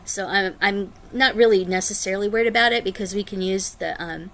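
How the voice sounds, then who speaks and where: In a casual to-camera chat, a flosstube vlogger rambles to her viewers, sounding tired and saying um a lot. She's an American woman in her forties with a medium-pitched, fairly bright voice and a fairly quick pace.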